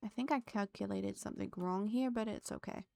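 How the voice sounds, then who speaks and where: Chatty woman streamer with a creaky voice. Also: medium pitch, fairly quick, a little mellow, slight background noise. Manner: chatty, talks to chat and her pets, jokey asides. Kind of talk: casual gameplay commentary.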